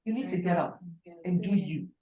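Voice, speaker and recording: A woman's voice: on the low side, normal speed, mellow. A woman, an instructor giving a frank, emphatic motivational talk to her class. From Nigeria. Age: 40s. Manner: emphatic, blunt, repeats for stress. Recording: echoey room.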